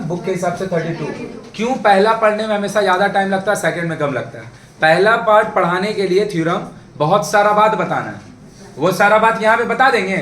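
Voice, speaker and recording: A math teacher with a high-pitched, fairly bright voice talks to his class in a chatty manner, often asking whether they're following. The sound is echoey, as in a classroom, with faint noise underneath.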